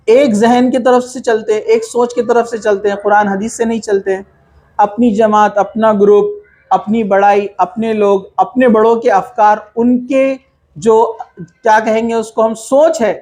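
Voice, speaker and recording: A man's voice: high voice, a little mellow. A man giving a conversational religious talk, asking rhetorical questions and mixing in English words. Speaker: Islamic speaker.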